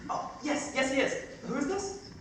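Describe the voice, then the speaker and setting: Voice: sits high, normal speed. A student actor playing a flustered party host taking phone calls in a school stage play. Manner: flustered, excitable. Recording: echoey stage from far off, noisy.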